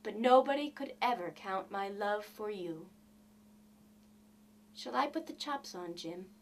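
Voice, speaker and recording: A woman's voice: mid-range voice, animated, unhurried, recorded from a distance, a little hiss or hum. A woman voicing a devoted, eager young wife in a storybook reading, earnest and gushing. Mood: tender. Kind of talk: storybook character dialogue.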